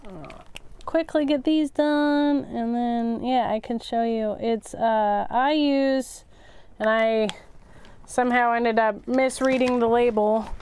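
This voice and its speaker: A woman's voice: on the high side, fairly even intonation, slow pace, a little mellow, slight background noise. A woman hosting a craft tutorial in a casual, rambling livestream chat, half talking to herself as she works. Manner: rambling, talks to herself while working.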